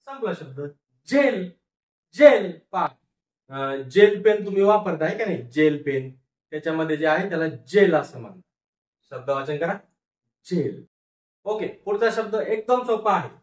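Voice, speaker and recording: A male teacher with a Marathi accent giving a phonics reading lesson, drawing out syllables slowly and asking questions that he answers himself. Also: fairly high pitch, lively intonation, roomy sound, distant mic. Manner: slow, drawn-out syllables, repeats and drills words.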